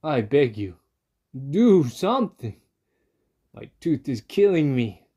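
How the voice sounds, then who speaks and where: A man's voice: on the high side, big pitch swings, slow, mellow, husky, pitched above the performer's own voice, full character voice. A man voicing a sly male fox patient who whimpers and pleads in a storybook read-aloud. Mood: wailing, pleading.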